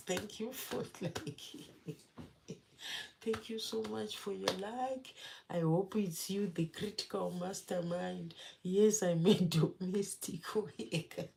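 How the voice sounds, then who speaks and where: Slow, gravelly woman livestreaming. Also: lowish voice, slight background noise. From Zimbabwe. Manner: chatty, greets viewers by name, laughs often. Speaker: livestream host. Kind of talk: casual live-stream chat.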